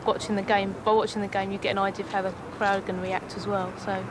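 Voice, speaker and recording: A woman in the police gives casual interview answers, speaking quickly and evenly. Outdoor traffic noise is clear behind her voice. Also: medium pitch, flat delivery. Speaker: police officer.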